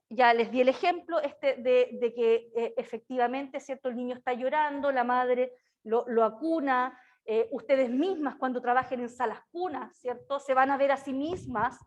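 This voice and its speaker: High-voiced woman lecturing. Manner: checks in constantly with tag questions to the students; slips into a soft, sing-song baby-talk voice for examples. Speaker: university lecturer in early childhood education. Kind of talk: live classroom lecture.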